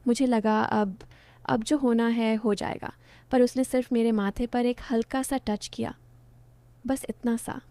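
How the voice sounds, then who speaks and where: A young woman telling a romantic story in the first person, soft and confiding. Her voice sits a little high with a mellow, dark tone. The sound is dry and close, with no room around it. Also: fairly even intonation, unhurried, no echo. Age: young adult.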